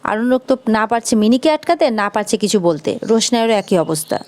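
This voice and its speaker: A woman narrating a TV serial episode in lively storytelling, voicing each character. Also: medium pitch, quick pace.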